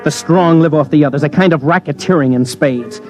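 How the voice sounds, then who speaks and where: In an old 1950s radio drama with music underneath, an actor plays a cynical, wary newsman who narrates tersely in a hard-boiled style. His voice is on the high side, brisk and a little mellow, lightly acted, with a grim, wry mood.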